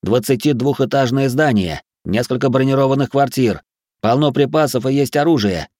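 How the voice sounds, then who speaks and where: A man's voice: medium pitch, moderate pace, a little mellow, no room sound, studio quality, voice pushed up, close to an everyday voice. A man voicing the first-person hero of an audiobook, speaking urgently and insistently. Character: determined young man, urgent leader.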